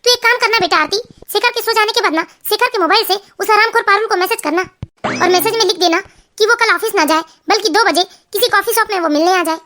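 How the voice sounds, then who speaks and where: A woman's voice: very high voice, fast talker, bright, forceful tone, slight background noise. A woman voicing a strong-willed older mother-in-law who comforts her daughter-in-law and scolds her son. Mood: scheming, firm. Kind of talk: storybook cartoon voice acting.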